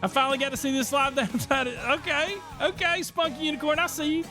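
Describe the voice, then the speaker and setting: A man's voice: very high voice, brisk, over music. A man hosting a podcast livestream, talking energetically and reading out chat messages. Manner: energetic, reads chat aloud. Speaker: podcast host.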